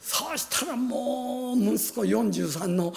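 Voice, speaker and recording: An older man, a pastor, preaching a sermon by telling a personal story in an animated way, with sound words and chuckles. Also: very high-pitched, slow, vocal fry.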